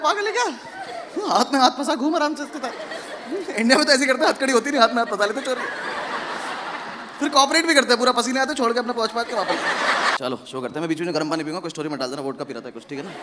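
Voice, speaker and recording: A young man works a live crowd with quick, chatty stand-up, his voice sitting very high for a man. He delivers sardonic stories and jumps into loud bursts. The live recording has noticeable noise under it. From India. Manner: conversational, sardonic storytelling with sudden loud outbursts. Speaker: stand-up comedian. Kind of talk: stand-up comedy with crowd work. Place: live comedy venue with audience laughter. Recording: noisy live show recording.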